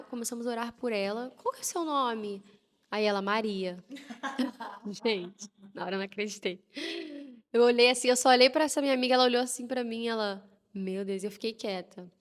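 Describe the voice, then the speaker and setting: A woman telling a personal faith story in casual conversation, animated and lively as she acts out what people said. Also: on the high side, fairly quick, big-room sound. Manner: animated, lively retelling with quoted prayers and laughs. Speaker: guest telling a personal testimony.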